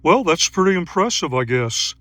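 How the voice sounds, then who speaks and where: A man in his sixties narrating an outdoor field vlog at night on grassland trails. He talks steadily and methodically, pausing often with "uh" fillers, and is out of breath after running. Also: on the high side, sing-song, a bit bright, dry recording. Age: 60s. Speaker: gear reviewer and search-and-rescue volunteer.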